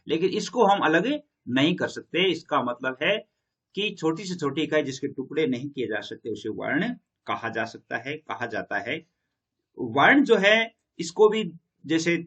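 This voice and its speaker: A man's voice: fairly high pitch, a bit bright, highs cut off. A male lecturer teaching a classroom lesson, repeating key points and quizzing his listeners. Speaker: Hindi literature lecturer.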